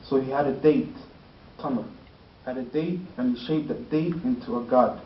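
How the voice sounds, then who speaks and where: A man's voice: mid-range voice, moderate pace. A man telling a story in a sermon, using lots of fillers and rhetorical questions. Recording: roomy, distant, dull lo-fi with faint noise.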